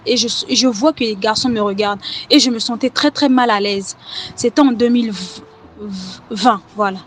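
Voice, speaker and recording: Earnest woman giving halting testimony. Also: fairly high pitch. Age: adult with children. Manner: earnest, halting, repeats words often. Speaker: testimony giver. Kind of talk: personal testimony.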